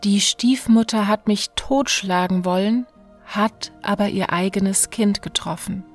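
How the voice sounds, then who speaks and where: A woman's voice: medium pitch, measured pace, soft background music, natural voice. Woman reading as a frightened young girl. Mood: urgent. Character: frightened young girl fleeing her stepmother.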